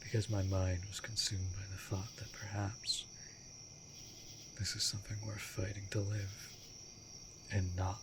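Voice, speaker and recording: In a romantic fantasy audio roleplay, a man with a fairly low voice plays an immortal vampire master, a lonely, brooding, tender lover. He speaks slowly and deliberately in formal, archaic wording, often sinking into a breathy whisper, over steady background noise of night crickets and insects.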